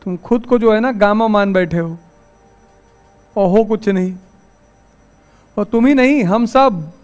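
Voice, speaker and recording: Male exam-prep teacher with a high voice. Folksy, storytelling classroom lecture. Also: slow pace, a little mellow, smooth, faint music behind. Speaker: civil services exam teacher.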